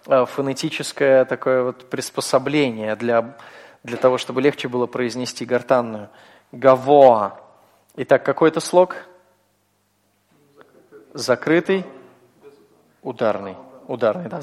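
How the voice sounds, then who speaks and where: A man lecturing to a class, patient and explanatory, pausing often with small hesitations. His voice sits at an ordinary middle pitch and carries a long reverb from the hall around him. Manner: patient, explanatory, with frequent fillers. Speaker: teacher.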